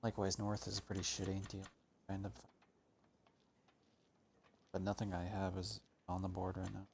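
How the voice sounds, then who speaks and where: Deep gravelly guy streaming a game, grumbly and sweary, faint noise and keyboard clicks behind. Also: completely flat delivery, normal speed. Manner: grumbling, swears often, thinks aloud. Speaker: gaming streamer. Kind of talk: casual gameplay commentary.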